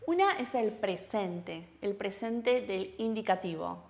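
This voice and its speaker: A woman with a Rioplatense Argentine accent giving a Spanish lesson to camera, explaining clearly and checking in with rhetorical questions. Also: medium pitch, slow, darkish tone. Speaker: Spanish teacher.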